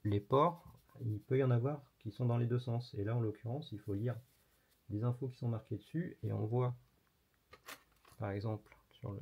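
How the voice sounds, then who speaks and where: This man, with a fairly low, slightly rough voice full of vocal fry, hosts an electronics tutorial and explains things casually as he works hands-on. He's chatty and relaxed, letting a mild swear word slip now and then. The lo-fi recording sounds dull.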